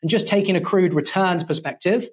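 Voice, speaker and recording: A man's voice: high-pitched, fairly quick, darkish tone, husky. A man with a London accent hosting a corporate finance podcast in a studio, polished and playful in his wording. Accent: London English. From England. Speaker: podcast host.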